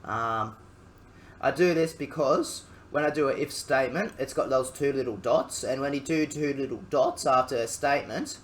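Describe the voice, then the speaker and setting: A young Australian man, a student, talking through a coding tutorial in a halting, casual way, full of ums and jokey asides. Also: mid-range voice, slight background noise. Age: young adult.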